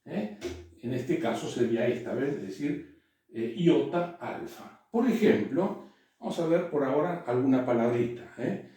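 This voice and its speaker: Man, teacher, slow and halting, mellow voice, echoey classroom, distant mic. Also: mid-range voice, animated. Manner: halting, frequent "eh" and "¿ven?" checks. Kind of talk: classroom lecture. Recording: echoey room, voice from far off.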